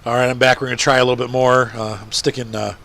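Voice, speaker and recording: A man's voice: mid-range voice, level tone, fast talker, fairly bright tone. A man with a congested, blocked-up nose giving casual, rambling gameplay commentary as a video host. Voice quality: congested, blocked nose, nasal stuffy sound.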